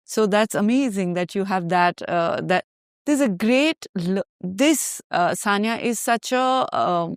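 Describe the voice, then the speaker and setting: A woman with an Indian accent hosting a casual conversation, phrasing her points with deliberate emphasis. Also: medium pitch, animated, clear, resonant tone, no echo, clean studio sound. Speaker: podcast host.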